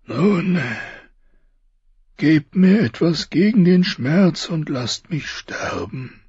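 A man voicing a dying, wounded king who speaks in a strained, pained way with loud outbursts. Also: a little high, lively intonation, drawn-out words, slightly rough, dry recording, highs cut off, pitched above the performer's own voice, exaggerated voice. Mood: weak, pained. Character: dying wounded male king, gruff and bitter. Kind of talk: audiobook character voice.

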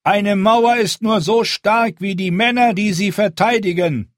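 A man voicing a stern young male commander who gives a forceful, rallying speech in an audiobook. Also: sits high, measured pace, no echo, clean studio sound, pitched above the performer's own voice. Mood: grave. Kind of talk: audiobook character voice.

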